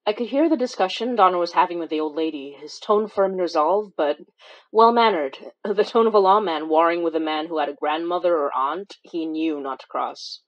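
The recording is muffled as an actress with a lowish voice speaks briskly in a lightly acted style. As the lead narrator of an audio drama, she plays a weary young woman wryly and hesitantly confessing eerie events, in the manner of a first-person horror podcast.

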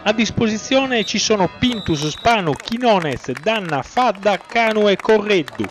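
A man giving excitable sports commentary on a youth football match as its commentator. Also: high voice, a little slow. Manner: excitable, swells on chances and goals. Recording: dull lo-fi audio, faint music.

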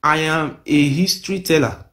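A middle-aged Nigerian man with a Nigerian accent records himself on a phone held close to his face in a small room, delivering an impassioned monologue to camera. His voice is fairly high and a bit bright, at a moderate pace, as he emphatically and insistently repeats his claims in this self-made video.

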